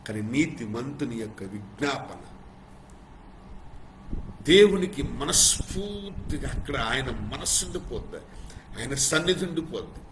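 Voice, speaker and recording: A man preaching in a sermon, driving his points home with short repeated phrases, then easing into quieter stretches. His voice sits in a middle register. A faint hiss runs underneath. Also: mid-range voice, lively intonation, unhurried, pauses often, echoey room, poor audio. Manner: preaching with rising, emphatic lists and softer reflective passages. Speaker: pastor.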